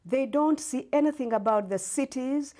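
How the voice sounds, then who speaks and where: A middle-aged woman from Uganda, a guest professor answering interview questions in a measured, explanatory way. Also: high voice, dark tone. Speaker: guest storyteller and English professor.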